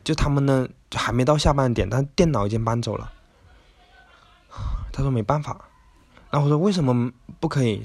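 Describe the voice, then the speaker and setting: A man's voice: medium pitch, a little mellow, no echo. A man hosting a casual self-help talk, chatty and rambling, with lots of little filler words. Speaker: podcast host.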